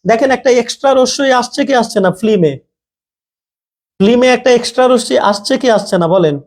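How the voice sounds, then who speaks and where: Very high-pitched male teacher running a live online class, always quizzing students and asking "okay?". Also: expressive, fast. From Bangladesh. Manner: repeats questions to students, checks understanding often. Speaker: grammar teacher.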